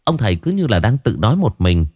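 A man telling a first-person ghost story in an expressive, dramatic way. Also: on the low side, quick pace, dry recording, clean studio sound.

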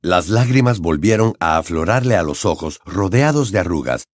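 A man narrating an audiobook in an expressive, dramatic storytelling manner. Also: low-pitched, normal speed, no echo, clean studio sound. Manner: dramatic, varied storytelling delivery.

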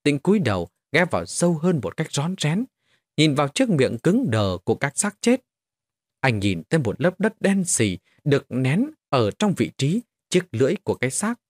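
A man narrating a scripted horror story with an expressive, lively delivery. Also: a little high, normal speed, dry recording. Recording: dry voice over faint music.

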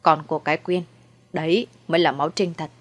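A woman's voice: sits low, steady tone, brisk. A woman voicing a scheming, cruel old mother-in-law in a storybook reading, coldly mocking. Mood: contemptuous. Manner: mocking, sweetly cold then shrieking.

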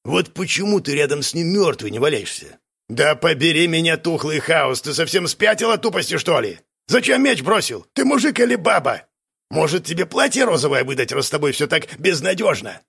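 A coarse bearded brute barks insults in a husky, gravelly voice pitched above a plain man's. A man acts him out for an audiobook. His tone swings hard between sneer and roar. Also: very animated, a little fast, fairly bright tone, heavily acted. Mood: mocking. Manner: insulting, barking. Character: gruff bearded male brute, rude and scornful. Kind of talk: audiobook character voice.

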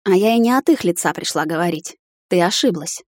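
A woman voicing a proud young witch heroine who is cool and mocking but quick to flare up. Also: lowish voice, lively intonation, a little mellow, dry recording, studio quality.

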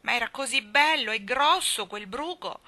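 A woman's voice: fairly high pitch, animated, normal speed, pushed and bright, voice pushed up. A woman voicing a mischievous little boy who talks in an eager, cheeky way in a storybook reading.

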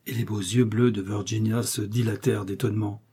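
A man reading a classic tale aloud as an audiobook narrator, calm and measured. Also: lowish voice, husky.

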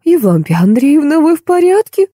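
Woman doing a high cooing fussy old nanny, storybook, dark dry voice. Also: animated, normal speed, no echo. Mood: soothing. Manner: fussing, soothing.

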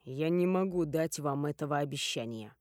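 Cold young nobleman, low and quiet, read by a woman, dry close sound. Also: lively intonation, normal speed, dry recording.

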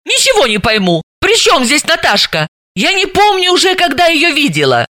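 A woman voicing a brisk, sarcastic female detective and doctor. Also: high voice, wildly swooping pitch, pushed and bright, no room sound, clean studio sound, pitched above the performer's own voice, heavily acted. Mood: indignant.

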